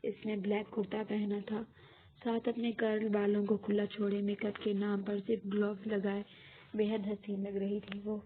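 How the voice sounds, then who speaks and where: A woman narrating a romance novel as a steady, scripted audiobook reading. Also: medium pitch, slight background noise. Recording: tinny phone-like audio.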